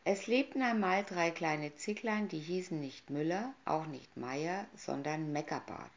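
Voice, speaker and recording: A woman reading a fairy tale aloud from a picture booklet, announcing each picture in calm storybook narration. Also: deep voice, a little slow. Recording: dull lo-fi recording.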